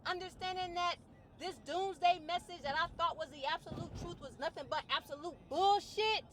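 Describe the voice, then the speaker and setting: A fitness trainer and vlogger, a woman ranting to camera in a colloquial, outspoken way, swinging between loud outbursts and low, quiet musing. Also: steady tone, brisk. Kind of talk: personal rant to camera.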